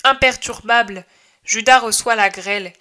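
A woman narrates a religious text as an audiobook, measured and expressive. Her voice is fairly high and very bright, crisp in tone. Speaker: audiobook reader.

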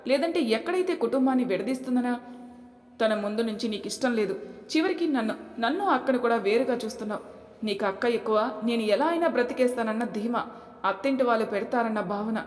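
A woman's voice: fairly high pitch, expressive, quick pace, close to an everyday voice. A woman voicing an angry grown son who accuses his own mother, in a roomy hall with long reverb. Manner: heated, accusing.

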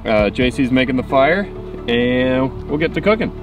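A man's voice: mid-range voice, moderate pace, over music. A young man hosting an outdoor cooking vlog, talking casually and upbeat while cooking with a friend at night. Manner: relaxed, upbeat banter. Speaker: vlog host. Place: outdoors at night on an island campsite. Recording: outdoor recording with clear background noise.

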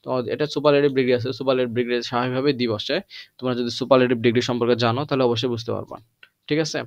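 A male teacher gives a grammar lesson, explaining in Bengali and reading English example sentences slowly. He keeps asking the class questions and answering them himself. The recording sounds dry and a little dull. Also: mid-range voice, little pitch movement, clear, resonant tone, no echo. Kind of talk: lecture to students.

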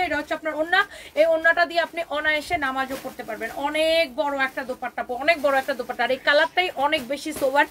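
A woman hosting a live online clothing sale, talking in a fast, emphatic, repetitive sales patter that mixes in English words. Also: extremely high pitch, bright, forceful tone, a little hiss or hum. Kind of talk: live-stream sales pitch.

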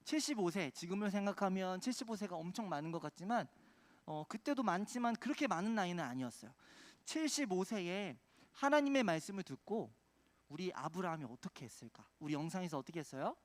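A man's voice: sits high, big pitch swings, brisk. A man preaching a children's sermon, quizzing the kids with call-and-response questions. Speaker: children's pastor.

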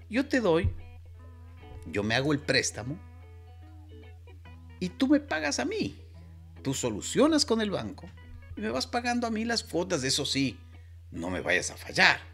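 A man's voice: high voice, wildly swooping pitch, a little slow, pauses often, fairly bright tone, slightly rough, faint music behind, voice pushed up, exaggerated voice. An Ecuadorian man quoting a friendly, persuasive male taxi driver in a coaxing, reassuring way.

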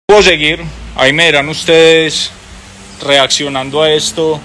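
A man's voice: a little high, little pitch movement, slow, sharp tone, a little hiss or hum. Jokey man reciting verses. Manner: jokey, crude slang.

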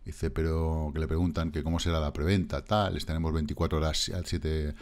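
Male host, low voice, casual sarcastic screen-reading commentary. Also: level tone, brisk, a little mellow. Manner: sarcastic, reads chat messages aloud and mocks them. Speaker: crypto channel host.

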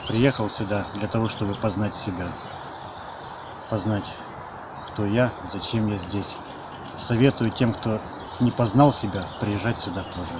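A man in his forties from Ukraine introduces himself in a formal, clipped way in a park. His voice is a little low. Loud outdoor noise with birds runs behind him. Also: measured pace, pauses often. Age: 40s. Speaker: entrepreneur. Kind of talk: short formal testimonial.

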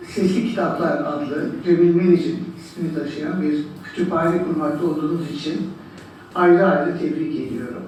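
A woman giving a formal, affectionate address to schoolchildren. She speaks over a live phone line that is played into a room, and her pace is measured and solemn. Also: low voice, dark tone. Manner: measured, solemn and affectionate, with slow drawn-out phrases. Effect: voice coming over a live phone line into a room. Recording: echoey, distant phone audio with faint noise.

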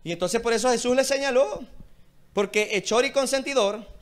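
A man pastor preaching a sermon, speaking directly to his listeners with fervent emphasis. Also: extremely high pitch. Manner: impassioned preaching, repeated direct address to listeners.

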